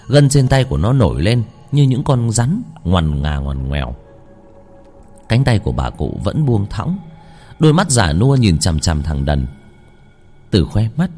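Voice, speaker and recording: A man narrating a ghost story in a low, hushed, dramatic way. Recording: faint music behind.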